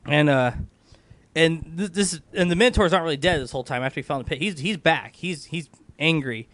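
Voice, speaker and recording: A man's voice: on the high side, brisk, a bit bright, dry recording. A man who sounds tipsy, giving a loose, casual comedic recap as host and often stumbling and losing his thread. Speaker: host retelling a film for a comic review.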